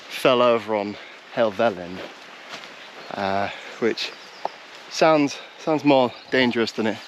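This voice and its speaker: Out on a country walk, a thirtysomething man with a bunged-up voice talks casually to an action camera, mocking himself and wandering off track with restarts. His voice sits in the mid range, and there's slight background noise. He's a walking vlogger.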